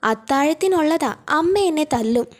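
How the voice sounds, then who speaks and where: A poor young girl, frightened and tearful, voiced by a woman in a storybook reading. She pleads in a high voice. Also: animated, moderate pace. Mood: distressed.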